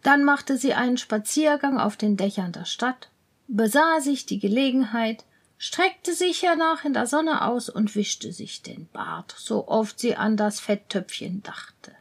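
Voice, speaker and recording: Slow, high-voiced woman reading a fairy tale. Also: husky. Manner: calm, measured reading aloud. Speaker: storyteller.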